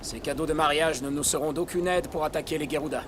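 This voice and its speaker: Over background music on a film soundtrack, a voice actor dubs a grave, formal Chinese admiral sworn to protect a princess. His voice sits on the high side, steady in tone, delivered quickly with light acting. The mood is measured and earnest, with some background noise.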